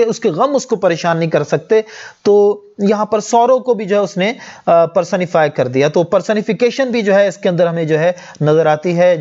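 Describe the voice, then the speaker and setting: A man teaching an English poem in lecture style, explaining in Hindi-Urdu with English terms mixed in and reading verse lines slowly. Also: high-pitched, a little mellow, muffled recording.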